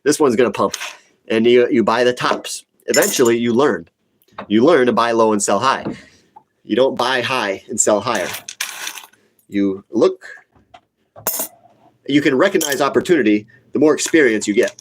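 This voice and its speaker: At a moderate pace with long pauses, a medium-pitched man of about forty chats on his livestream, responding to viewer comments. A retail investor with a cold, he sniffles and speaks bluntly and opinionatedly, repeating points for emphasis, with slight background noise.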